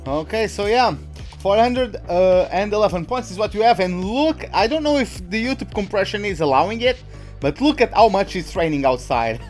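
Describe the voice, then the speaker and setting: Expressive and chatty, a young man whose first language is Portuguese rambles over a racing game in a fairly high voice at a moderate pace, restarting sentences, sprinkling in "uh" and "like," and mocking himself. This gaming YouTuber is from a Portuguese-speaking country. Faint, soft game music sits under his casual let's-play talk.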